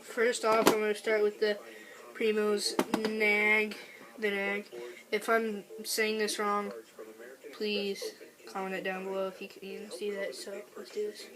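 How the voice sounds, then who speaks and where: A woman speaking casually and haltingly in an unscripted amateur vlog, a bit sick with a cold. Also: mid-range voice, completely flat delivery, crowd noise. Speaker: amateur vlogger testing duck calls.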